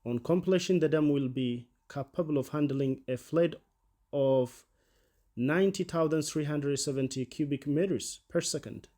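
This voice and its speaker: A man with a somewhat high voice narrates a scripted explainer. He keeps his delivery formal and measured, like a presenter walking viewers through facts. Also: dark tone.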